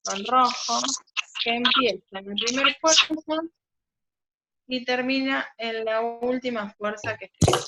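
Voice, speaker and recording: A woman's voice: a little high, steady tone, a little slow. A woman teaching a physics class over a video call, explaining step by step and often checking in with the students. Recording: muffled video-call audio, faint noise.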